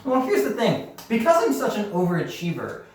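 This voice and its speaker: A young man plays a clueless, boastful job applicant with a high, bouncy voice that leaps all over the place. He stays cheerfully oblivious and proud of every wrong answer. The take sounds like a very echoey room with the mic far off. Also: huge pitch swings, brisk. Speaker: job applicant in a comedy sketch. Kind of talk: amateur comedy sketch acting.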